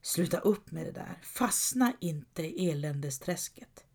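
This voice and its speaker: A woman voicing a steady, encouraging male knight who urges his companion on, in a read-aloud story. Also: lowish voice, gravelly, husky, heavily acted. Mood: chiding. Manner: coaxing, urging.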